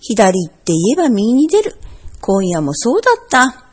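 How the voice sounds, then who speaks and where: A woman voicing a proud, easygoing bear father who bluffs a little, in a lowered, self-assured husky tone. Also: wildly swooping pitch, moderate pace, exaggerated voice.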